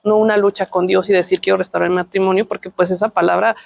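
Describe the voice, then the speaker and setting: Gravelly-voiced woman giving a testimony. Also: mid-range voice, flat delivery, a little mellow. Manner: emotional, halting storytelling with repeated words. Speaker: testimony speaker. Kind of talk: personal testimony.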